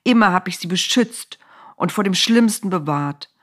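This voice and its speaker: A woman's voice: lowish voice, animated, normal speed, fairly bright tone. A woman voicing a moody, easily angered male God in a storybook reading, roaring and whining by turns. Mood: indignant.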